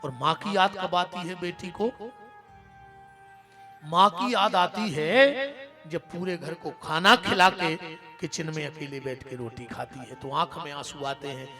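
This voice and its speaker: Brief: Bundeli-accented male preacher, fairly high voice, emotional storytelling, music behind. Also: fairly even intonation, a little slow. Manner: emotional storytelling, swelling loud at peaks. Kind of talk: devotional sermon.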